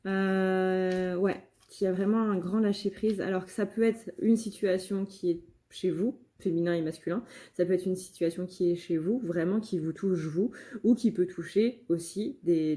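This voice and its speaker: A woman's voice: lowish voice, dark tone. A woman giving a casual channeled tarot reading, hesitant, with many fillers and restarts. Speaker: tarot reader and medium.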